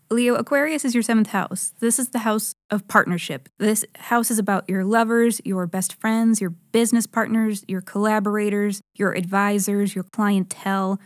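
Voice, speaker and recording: A woman's voice: medium pitch, dry recording. American lady doing a jokey horoscope, sweary and slangy, plays up the drama, really dry close sound. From New England, United States. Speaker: astrologer, host. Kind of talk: casual comedic scripted horoscope narration.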